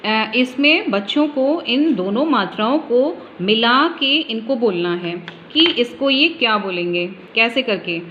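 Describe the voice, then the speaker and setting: A woman teacher explaining a phonics lesson for young children patiently and step by step, with frequent pauses. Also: a little high, expressive, highs cut off, background noise.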